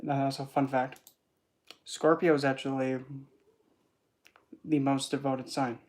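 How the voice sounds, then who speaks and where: A speaker giving a casual esoteric teaching talk as a spiritual teacher, in a rambling, animated, chatty way. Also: mid-range voice, a little slow.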